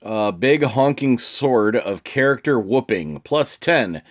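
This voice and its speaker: A man's voice: mid-range voice, expressive, slow pace. A man hosting his own channel, casually reading card text aloud with short asides and chuckles. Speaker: channel host reviewing card game cards.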